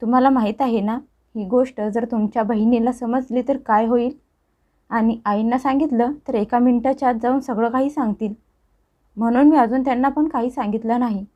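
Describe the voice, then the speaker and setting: A woman voicing a frightened, timid young wife who speaks softly, on a dull lo-fi recording. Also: on the high side, steady tone, brisk, natural voice. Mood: fearful. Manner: soft, fearful.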